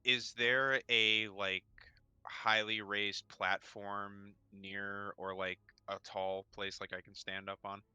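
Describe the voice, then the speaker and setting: A man's voice: fairly low pitch, level tone, slow, sharp tone, clear, resonant tone, no room sound. A man playing a tabletop game, joking loosely and swearing while he describes his character's actions. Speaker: player. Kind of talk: casual tabletop play.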